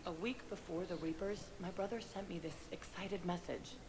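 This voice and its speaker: Game voice from a video game: an actress playing a wistful young crew woman, soft and measured, lowish voice. Loud game noise sits heavily under her lines. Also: close to an everyday voice.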